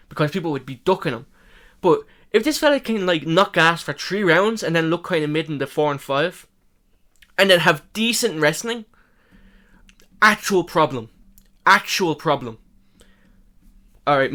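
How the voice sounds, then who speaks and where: A young man with a slight lisp, giving rambling, animated fight reaction commentary with casual swearing. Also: on the high side. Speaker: MMA reaction youtuber.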